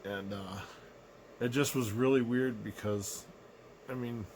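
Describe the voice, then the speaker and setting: A middle-aged man talking casually to camera in a low, unhurried, subdued voice, sick with a sore throat. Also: fairly even intonation, a little mellow, slight background noise. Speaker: vlogger. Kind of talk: casual personal rant to camera. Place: small living room indoors.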